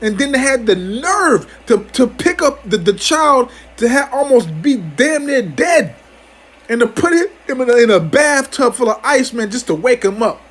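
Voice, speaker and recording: Husky high-voiced man preaching angrily. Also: big pitch swings, moderate pace, fairly bright tone. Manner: profane, repeats "man" after nearly every phrase; stammers and restarts words. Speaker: scripture teacher. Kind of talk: angry scripture commentary.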